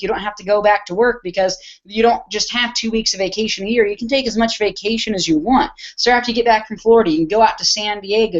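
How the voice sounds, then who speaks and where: Eager young man pitching on a webinar. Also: lo-fi sound. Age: 20s. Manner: eager salesy pitch, repeats and restarts phrases. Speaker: internet marketer presenting a webinar.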